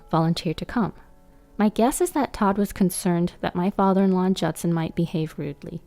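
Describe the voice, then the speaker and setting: Lady reading a story out steady, low and mellow, faint music behind. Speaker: narrator. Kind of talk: scripted story narration.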